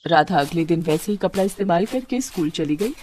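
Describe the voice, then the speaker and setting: A woman reading scripted storybook narration in a steady, clear storytelling voice. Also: lowish voice, brisk, a little hiss or hum.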